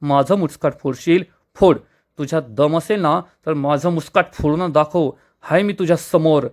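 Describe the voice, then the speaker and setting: A man's voice: fairly high pitch, moderate pace, darkish tone, natural voice. A man reading the lines of an arrogant, hot-tempered young woman in a rude, defiant way. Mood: scornful.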